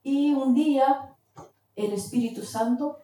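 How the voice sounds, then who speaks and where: A woman's voice: high voice, slow pace, mellow. A woman preaching a sermon, telling a testimony and now and then stopping to search for the right word. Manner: searches for words mid-sentence. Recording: very echoey, distant from the mic.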